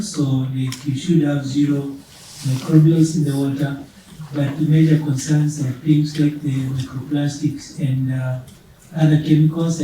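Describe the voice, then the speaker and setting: A man's voice: a little high, mellow. Man speaking up from afar. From Kenya. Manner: hesitant, frequent "uh". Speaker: workshop participant. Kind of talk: speaking up in a group discussion. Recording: echoey room, distant mic, faint hum.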